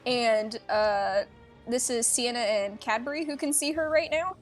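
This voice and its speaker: A woman playing a tabletop game, animated and blunt, swearing freely as she describes her character. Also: on the high side, a little slow, faint music behind. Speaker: player. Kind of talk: casual tabletop game chat.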